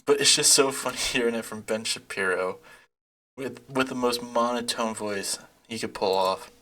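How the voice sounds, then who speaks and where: A man's voice: medium pitch, normal speed, pushed and bright. Man rambling through a mocking reaction. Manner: rambling, mocking, laughs often. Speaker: YouTube commentator. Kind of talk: casual reaction commentary.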